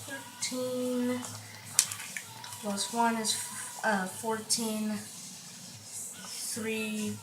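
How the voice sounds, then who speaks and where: Very slow woman, far from the mic. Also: a little high, flat delivery, roomy sound, background noise. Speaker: player. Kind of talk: playing a tabletop game.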